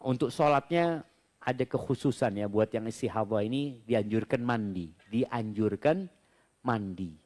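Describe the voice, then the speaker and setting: In a question-and-answer religious session, a male Islamic preacher reads out what the audience asks and explains each point conversationally and calmly. He speaks with a fairly low pitch in an unhurried way.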